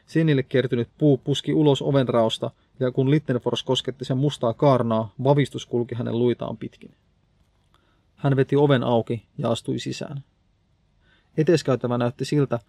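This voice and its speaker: Male audiobook narrator, measured storytelling, gravelly low-lit timbre, dry booth sound. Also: warm tone, no echo. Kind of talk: scripted narration.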